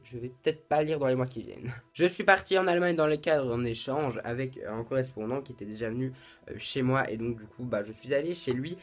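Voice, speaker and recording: A man chatting to camera about books he bought, talking in a casual and hesitant way with many restarts. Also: mid-range voice. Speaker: booktuber. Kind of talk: casual book haul vlog.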